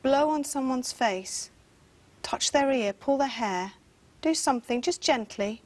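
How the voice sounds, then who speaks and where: Woman slowly pleading with spirits. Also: high voice. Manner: slow, pleading, insistent. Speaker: medium leading a seance. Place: dark room around a table.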